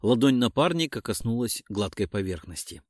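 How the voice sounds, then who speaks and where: A man narrating a first-person sci-fi audiobook in an expressive, dramatic telling. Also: mid-range voice, moderate pace, no room sound, studio quality.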